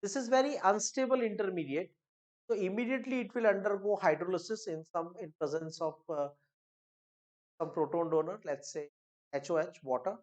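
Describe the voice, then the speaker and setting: A woman with an Indian accent teaching a chemistry lesson, switching between Hindi and English, explaining step by step, repeating key phrases and checking in with "okay?" and "clear?". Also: fairly low pitch, brisk, darkish tone. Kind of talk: classroom lecture mixing Hindi and English.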